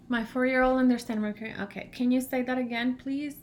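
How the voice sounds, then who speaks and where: A woman whose first language is Spanish, chatting casually in an animated, storytelling way as a vlog host. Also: high-pitched, slight background noise. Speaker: channel host, language learner.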